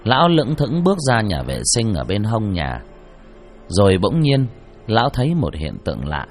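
Deep, expressive male ghost-story narrator. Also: moderate pace, soft background music. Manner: dramatic, expressive.

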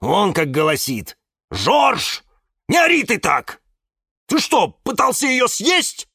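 A grumpy, bossy cactus who snorts and scolds everyone around him, as a man puts him on. His voice is bright and swings widely in pitch. The sound is dry and close. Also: very animated, normal speed, breathy edge, no echo, full character voice. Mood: scolding. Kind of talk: storybook narration.

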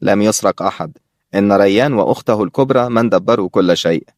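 A man voicing a calm young male teacher who speaks quietly and steadily in an audiobook. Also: fairly low pitch, fast talker, dry recording, clean studio sound, pitched below the performer's own voice, close to an everyday voice.

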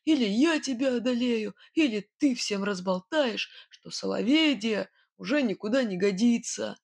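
Storybook villain: woman voicing a gruff, blustering robber man, loud and raised in pitch. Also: lively intonation, normal speed, dry recording, full character voice. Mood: menacing. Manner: blustering, then grim and menacing. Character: gruff boastful male robber whistler. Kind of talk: audiobook character voice.

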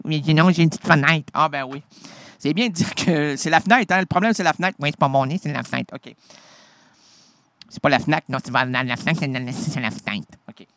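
A man's voice: a little high, fairly bright tone, no room sound. A man hosting a radio show, joking and rambling in a playful, goofy way with a nasal voice. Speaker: radio host. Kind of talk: comic radio banter.

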